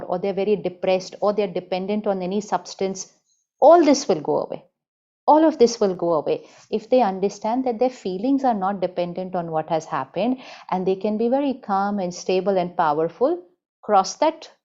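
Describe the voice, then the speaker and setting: A woman spiritual teacher giving an emphatic motivational talk, repeating key lines slowly. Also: medium pitch, dark tone, lo-fi sound.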